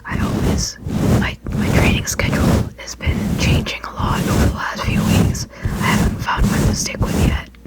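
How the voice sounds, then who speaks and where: A person whispering quickly in an informal ASMR ramble close to the microphone, often repeating and rephrasing phrases. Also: heavy background noise. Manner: fast, unvoiced whispering. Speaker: video creator and host.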